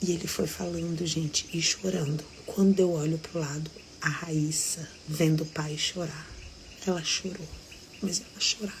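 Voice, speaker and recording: A Brazilian woman hosting a live devotional from her living room at night, telling a story intimately and often dropping to a hushed half-whisper. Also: low-pitched, fairly even intonation, moderate pace, slight background noise. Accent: Brazilian Portuguese. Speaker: devotional host.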